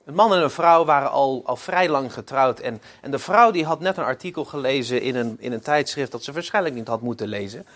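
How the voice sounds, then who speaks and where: A man preaching a sermon, opening with prayer and telling stories in a halting way, often repeating words. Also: mid-range voice, animated, fairly bright tone. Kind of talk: sermon with storytelling.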